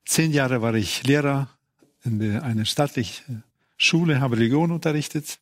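Older guy, retired pastor, medium pitch, short plain sentences. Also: moderate pace. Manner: brief, matter-of-fact statements. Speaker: retired pastor, panel guest. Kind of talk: casual panel talk.

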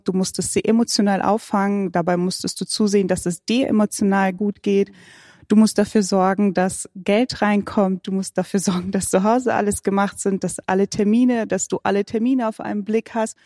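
A woman speaks on a panel in a reflective, conversational way. Her voice is mellow and warm. The recording is dry and close. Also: mid-range voice, no room sound. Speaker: panel guest. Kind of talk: personal account in a panel talk.

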